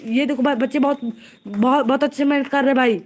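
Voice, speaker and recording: A woman narrating casually and excitedly, repeating urgent warnings over and over. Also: high voice, quick pace. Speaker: vlogger narrating. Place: outdoor home courtyard at night.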